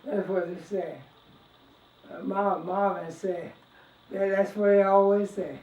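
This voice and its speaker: A woman of ninety, reminiscing in an interview in a halting way, repeating words as she goes. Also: medium pitch, steady tone, dark tone. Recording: echoey room, distant muffled mic.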